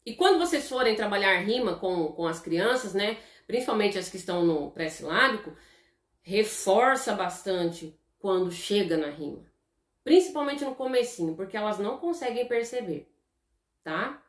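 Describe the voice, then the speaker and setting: A Brazilian woman with a Brazilian Portuguese accent teaches a live online class in a mid-range voice with lively intonation, and the sound is reverberant. She explains slowly and patiently, chats with viewers and checks in often with "tá?"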